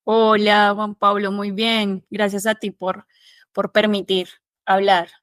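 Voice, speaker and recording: A woman from Bogotá with a Bogotá Spanish accent, a teacher giving her testimony in an interview, telling it in a lively way and quoting the dialogue quickly. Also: mid-range voice, no room sound, clean studio sound. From Bogotá, Colombia. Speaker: interview guest, early-childhood teacher. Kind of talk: conversational testimony.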